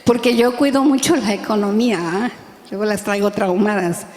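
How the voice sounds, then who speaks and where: A woman's voice: mid-range voice, steady tone, normal speed, darkish tone. A middle-aged woman with a Mexican accent preaching a sermon, chatty and often asking the congregation for agreement. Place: large church hall. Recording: echoey hall with long reverb.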